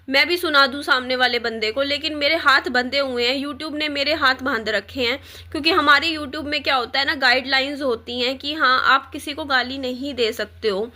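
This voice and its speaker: A woman's voice: high voice, normal speed, hardly any pauses, bright, forceful tone. A young woman vlogger talking straight to her viewers, upset and defiant, pleading and repeating herself as she complains about being insulted. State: distressed. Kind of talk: emotional direct-to-camera rant.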